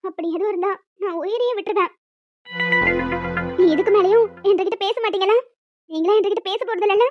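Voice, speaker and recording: A woman's voice: very high voice, brisk, pauses often, music in the background. A woman voicing a clingy young village wife who pleads and sulks in an audio romance drama. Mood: defensive. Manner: emotional, pleading, chatty. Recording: dull dry lo-fi recording.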